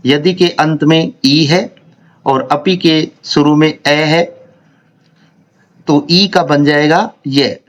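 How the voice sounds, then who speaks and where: Man teaching a grammar lesson, slow and careful, kinda high voice, spells out each sound. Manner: slow, deliberate, repeats and spells out syllables. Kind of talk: Sanskrit grammar lesson explained in Hindi.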